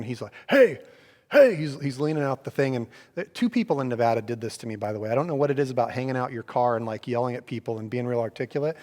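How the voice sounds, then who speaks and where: A mid-pitched man from Oregon tells stories in an easy, casual church chat. He is animated and slips into other people's voices as he goes. The sound carries a long hall reverb. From Oregon, USA. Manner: animated storyteller, acts out other people's lines.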